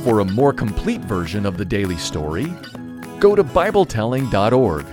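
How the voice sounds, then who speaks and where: A man's voice: on the low side, sing-song, normal speed. A man announcing a daily Bible story program in a scripted intro and outro. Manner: announcer delivery. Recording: guitar music underneath.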